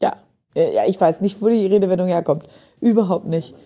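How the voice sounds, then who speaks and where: A woman guest in a casual podcast chat, lively, laughing often and correcting herself mid-sentence. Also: on the low side, fairly quick. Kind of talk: casual conversation. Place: recorded in Stockholm.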